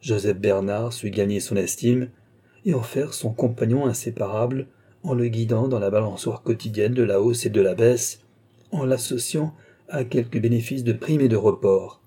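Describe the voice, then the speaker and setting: A man reads a literary story aloud in a measured, even way. His voice is mellow and dark, with a slight huskiness. His pitch sits in the middle for a man. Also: breathy edge. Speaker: audiobook reader. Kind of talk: literary audiobook narration.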